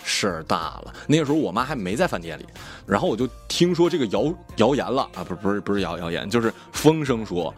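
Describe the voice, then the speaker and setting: A man's voice: fairly low pitch, very animated, fast talker, faint music behind. A man telling a childhood story in casual chat and acting out family members' lines. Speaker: live-stream co-host.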